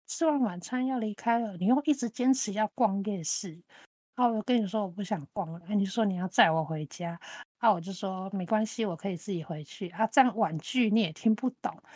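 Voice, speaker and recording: Podcast co-host: woman, chatty storyteller who acts out quotes, mid pitch, dry close recording. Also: no room sound. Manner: lively storyteller who acts out the other person's lines. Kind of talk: casual chat, storytelling.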